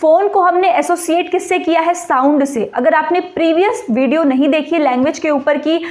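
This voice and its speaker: Female exam-prep tutor, high voice, drills points by asking and answering her own questions. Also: normal speed, darkish tone. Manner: repeats key points as quiz questions to the viewer; mixes English terms into Hindi explanations. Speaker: teacher. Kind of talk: exam-prep grammar lesson.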